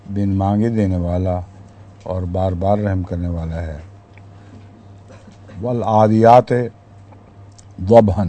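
A man's voice: lowish voice, mellow. A man teaching a class, explaining verses one by one and stopping to put questions to his listeners.

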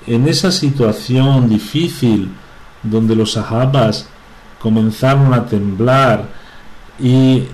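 Slow, halting man giving a religious talk. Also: mid-range voice, darkish tone, poor audio. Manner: halting, with many restarts and fillers. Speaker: religious speaker.

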